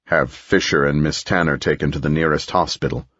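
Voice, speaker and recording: A man voicing a calm, injured middle-aged male scientist who speaks in a low, measured murmur. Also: breathy edge, dry recording, dull audio, heavily acted.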